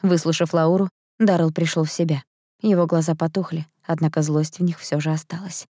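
A woman narrates a scripted first-person audiobook calmly and evenly, her voice low-pitched and her pace fairly quick. The recording is dry and of studio quality.

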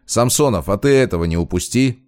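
A man voicing a nervous young male police officer who barks gruffly, his voice cracking. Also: lowish voice, animated, brisk, darkish tone, close to an everyday voice.

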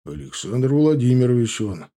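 A man's voice: medium pitch, big pitch swings, normal speed, warm tone, lightly acted. A male narrator voicing a grumbling, conspiratorial older father-in-law in an audiobook. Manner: gruff, confiding, drops to a whisper.

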